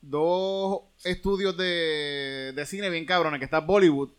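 A man's voice: fairly high pitch, slow pace, clear, resonant tone. A young man with a Puerto Rican Spanish accent, hosting a casual live-stream chat and talking in a rowdy, rambling way with lots of swearing. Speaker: show host.

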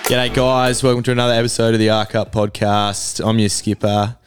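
Slightly hoarse Australian man hosting. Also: fairly low pitch, brisk, loud music behind the voice. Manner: laid-back, relaxed banter. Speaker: podcast host. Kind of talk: casual sports podcast chat.

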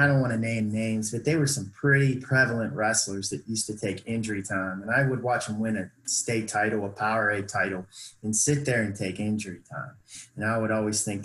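A man who coaches wrestling, telling stories in an emphatic, animated way during a casual chat. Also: lowish voice, reverberant, poor audio.

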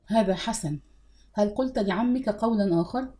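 A woman's voice: medium pitch, moderate pace, mellow, natural voice. A woman reading the part of an anxious, scheming mother in an audiobook, her voice trembling and urgent.

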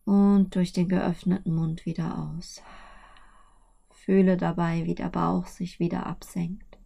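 Slow, breathy woman narrating sleep meditation. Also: fairly low pitch, little pitch movement. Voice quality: soft, breathy. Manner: soothing, hushed, often near whisper.

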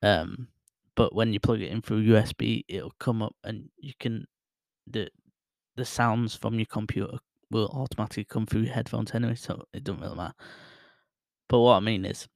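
Sitting at his desk with headphones and a close studio microphone, a man tests the mic and talks it over in a rambling way, poking fun at himself and laughing. He has a fairly low, gravelly, darkish voice that others find soothing, with a steady tone, normal speed and no room sound.

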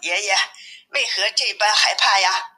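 Woman doing a calm chiding old wife. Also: mid-range voice, a little slow, poor audio.

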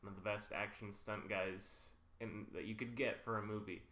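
A man's voice: on the low side, steady tone, moderate pace, sharp tone, reverberant. A man co-hosting a film podcast, chatting casually and with strong opinions, trailing off into fillers. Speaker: podcast co-host.

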